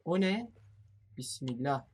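Young man, husky voice, raised pitch, jumpy, cursing, thinking aloud, let's play commentary. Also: animated, slow pace, darkish tone. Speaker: gamer playing a horror game.

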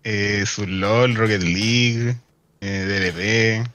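A man chatting casually as a guest over voice chat, low-key and mumbling. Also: steady tone, slow pace, a bit bright.

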